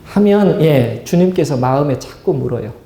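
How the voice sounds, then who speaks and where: A man's voice: on the high side, lively intonation, normal speed, mellow, reverberant. A male pastor preaching a sermon, asking the congregation questions and acting out small scenes to make his point. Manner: asks the congregation questions and acts out little scenes.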